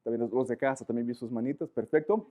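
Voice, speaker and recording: Giving a live lecture in Portuguese-accented Spanish, a man whose mother tongue is Portuguese talks fast at a medium pitch. He's lively, frequently reaches for words, and asks rhetorical questions.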